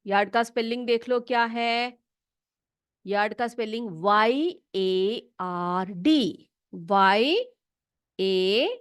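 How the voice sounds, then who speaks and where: A woman teaching children English words in an online class, slowly spelling each word letter by letter and coaxing them with questions. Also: fairly high pitch, a bit bright, no echo, studio quality. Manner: patient, coaxing, asks questions.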